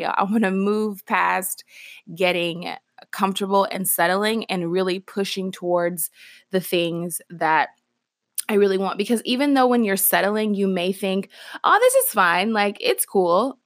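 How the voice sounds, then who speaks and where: A woman's voice: medium pitch, no echo. Woman podcast host, morning voice, chatty and reflective, close dry mic. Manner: conversational, reflective, many fillers and restarts. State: morning voice, clearing her throat. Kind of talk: casual solo podcast talk.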